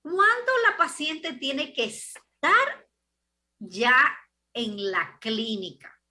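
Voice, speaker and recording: Slow, bright-voiced woman interviewer. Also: sits high, huge pitch swings. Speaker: interviewer host. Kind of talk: interview questions.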